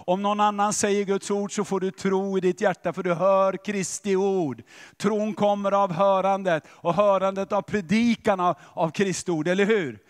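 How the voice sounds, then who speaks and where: A man preaching a sermon in a church, animated and often asking the listeners if they follow. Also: high voice. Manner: animated, questioning the audience. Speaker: pastor. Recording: church hall reverb.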